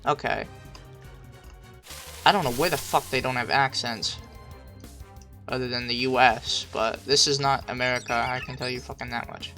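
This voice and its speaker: A man's voice: mid-range voice, moderate pace, pauses often, faint music behind. Foul-mouthed male streamer thinking aloud. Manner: swears constantly, thinks aloud, second-guesses himself; bursts into loud excited shouts. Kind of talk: casual gameplay commentary.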